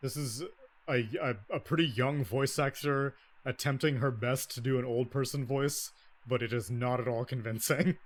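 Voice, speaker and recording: A man's voice: mid-range voice, steady tone, moderate pace. A man giving casual, slangy game commentary in a blunt, wry manner. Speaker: gamer commenting on his playthrough. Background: game music.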